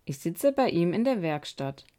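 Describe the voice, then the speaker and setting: A woman's voice: fairly low pitch, big pitch swings, normal speed, mellow. Woman doing a chirpy wooden puppet girl. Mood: cheerful.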